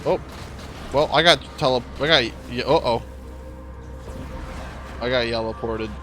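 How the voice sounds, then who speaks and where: A man's voice: mid-range voice, measured pace, over music. A man chatting casually while playing a game, laughing a lot and breaking into goofy freestyle bits. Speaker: co-host and gamer. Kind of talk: casual gaming chat.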